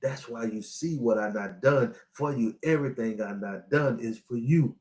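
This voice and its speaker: A man's voice: medium pitch, normal speed, a little mellow, reverberant. A man in his sixties giving a preachy, repetitive motivational talk to his online viewers as a spiritual life coach. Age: 60s.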